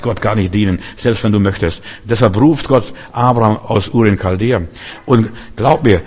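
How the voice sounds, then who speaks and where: A man preaching a sermon who tells the stories vividly, acts out the dialogue of the figures himself and repeats key phrases for emphasis. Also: mid-range voice. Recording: long hall reverb.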